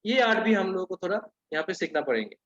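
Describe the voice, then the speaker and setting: A man leads a sales training talk with a high-pitched voice. He explains step by step and often stops on hesitant fillers. The recording sounds dull and lo-fi. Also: lively intonation, quick pace, a bit bright. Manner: instructive, with frequent hesitant fillers.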